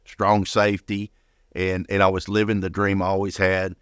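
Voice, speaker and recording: This older man's deep voice is monotone but a bit bright, clear, and resonant, at a moderate pace. As a retired firefighter being interviewed, he tells personal stories casually and repeats words often. Studio quality, no room sound.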